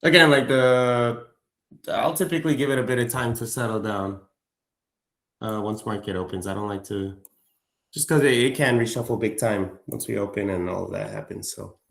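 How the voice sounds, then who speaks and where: A man's voice: on the low side, normal speed, creaky, a bit bright. A man hosting a live trading stream, chatting loosely with viewers and friends, full of fillers and slang. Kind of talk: casual livestream chat.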